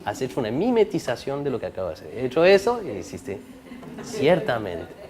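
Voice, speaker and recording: A man giving a training talk on body language to an audience, lively, often checking in with listeners and playing with volume and speed for emphasis. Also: medium pitch, fairly quick.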